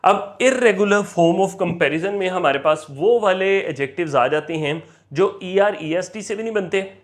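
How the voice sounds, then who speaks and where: A male teacher talks through a grammar lesson at an unhurried pace. His voice sits a little high, and he slows down even more to read out each English example sentence with care. He explains in Hindi-Urdu and mixes in English terms. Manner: reads example sentences slowly and deliberately. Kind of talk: grammar lecture.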